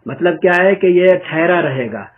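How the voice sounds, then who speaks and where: A man's voice: sits high, animated. A man teaching an Urdu reading lesson, patiently repeating and spelling out letter sounds step by step. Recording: tinny phone-like audio.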